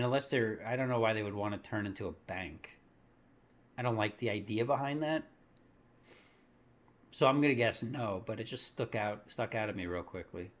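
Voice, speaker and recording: Lively-pitched man thinking out loud. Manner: rambling, thinks aloud, self-correcting; laughs often. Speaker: live stream host. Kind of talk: casual live market commentary.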